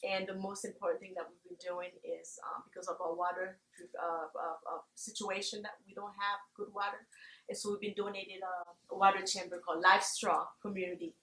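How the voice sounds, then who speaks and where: Woman from Haiti, charity founder, earnest, halting, many fillers, echoey room. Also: medium pitch, little pitch movement, pushed and bright. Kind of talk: interview answers.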